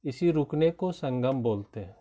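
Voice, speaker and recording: A man teaching a grammar lesson to children, explaining slowly and drawing out his example words. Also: medium pitch, lively intonation, dark tone. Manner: slow, deliberate explanation with drawn-out example words. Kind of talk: classroom lesson addressed to children.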